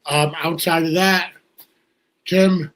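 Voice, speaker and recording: A man's voice: a little high, steady tone, takes it slowly, fairly bright tone. A man from the US Northeast hosting a casual talk show, his voice not quite at full strength. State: voice slightly off, not fully recovered. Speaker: podcast host.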